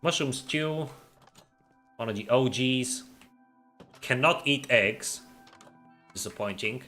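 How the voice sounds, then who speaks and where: Soft background music accompanies a man speaking slowly in a mid-range voice as he streams a game. He pronounces R in his throat and chats easily with viewers, reading and answering their messages between plays.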